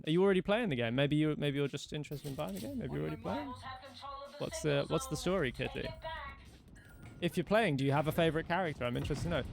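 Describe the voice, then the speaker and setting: Casual live-stream commentary comes from a young man whose voice is a little high and creaky, with background noise in the mix. His voice is going hoarse as he plays, rambling to chat and thanking followers by name.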